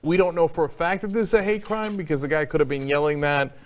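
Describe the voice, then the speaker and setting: A man's voice: on the high side, fairly even intonation, quick pace. A man hosting a casual talk show, giving blunt opinions, swearing freely, with lots of fillers and restarts. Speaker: host.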